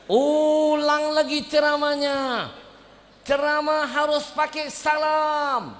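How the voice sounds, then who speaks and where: A man's voice: very high voice, normal speed, pushed and bright, pitched above the performer's own voice. A man voicing a stern older male religious teacher who barks orders in a commanding tone. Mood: shouting. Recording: echoey hall, faint ambience.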